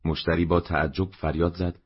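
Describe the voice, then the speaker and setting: A man reading a novel aloud as narrator, in a steady, measured way. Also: low-pitched, husky. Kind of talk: audiobook narration. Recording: dull lo-fi recording.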